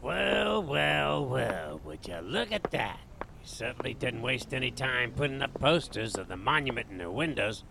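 An actor playing a dogged police detective who interrogates a suspect in an audio drama. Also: male voice, mid-range voice, sing-song, moderate pace, noisy background. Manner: confrontational, interrogating.

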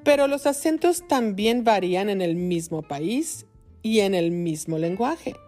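A woman from Mexico hosting a podcast lesson for Spanish learners, speaking slowly and clearly. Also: medium pitch, faint music behind. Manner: slow, clearly spoken, lively intonation. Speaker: podcast host.

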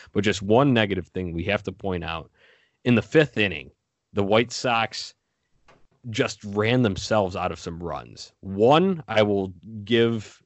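Low-voiced man giving casual sports recap. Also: dry recording, dull audio. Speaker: sports podcast co-host. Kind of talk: casual game recap commentary.

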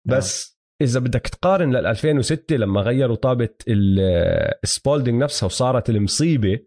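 A man's voice: mid-range voice, lively intonation, fast, darkish tone. A man with a Palestinian-Jordanian Levantine Arabic accent chatting casually as a sports co-host, explaining his points and mixing in English basketball terms. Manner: explanatory, checks listener follows, mixes in English basketball terms. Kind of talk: casual sports analysis chat.

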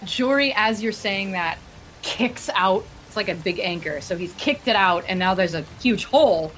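A woman narrating as game master of a tabletop game, describing scenes in a lively, vivid way. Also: medium pitch, normal speed, slight background noise, rough recording.

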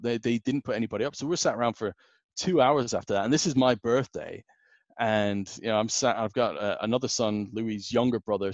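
A man's voice: on the low side, darkish tone, no room sound, lo-fi sound. A man, rambling through a casual podcast anecdote with many fillers. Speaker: podcast guest.

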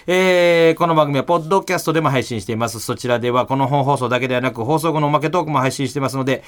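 A man in his forties with a Kansai accent, co-hosting a radio comedy show, animated and breaking into loud comic outbursts. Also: mid-range voice, rapid-fire. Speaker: radio comedy duo host. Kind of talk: casual radio banter.

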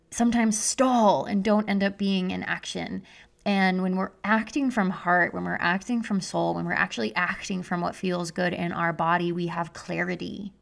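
A woman with a low, gravelly voice chats through a casual podcast monologue, upbeat and full of "like" fillers. She is recording under a blanket in her living room, which leaves her voice muffled and close. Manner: upbeat and gushing, with many "like" fillers. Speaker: podcast host and health coach. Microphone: podcast mic under a blanket.

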